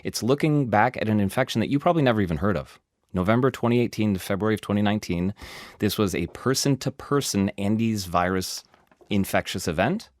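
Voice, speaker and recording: A man with a low, deep voice talks through a science story on a podcast. He is animated and explains at length, with asides and emphasis. The studio sound is dry and close to the mic. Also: fairly quick, no room sound. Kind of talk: casual explanatory podcast talk.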